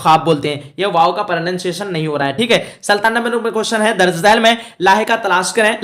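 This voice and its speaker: A man's voice: high-pitched, a bit bright. A man teaching an online exam-prep class, explaining each answer step by step and asking and answering his own questions. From India. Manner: repeats "thik hai" to check in with students.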